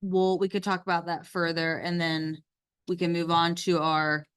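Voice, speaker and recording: A woman's voice: lowish voice, flat delivery, moderate pace, a bit bright, clean tone. A woman chairing a public committee meeting over a video call, organized and upbeat as she leads the agenda.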